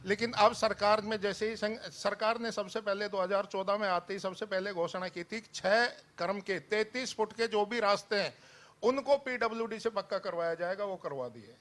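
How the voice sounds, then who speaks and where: A man's voice: high voice, normal speed, a bit bright. A man with a Haryanvi accent on a debate panel, steadily explaining government work.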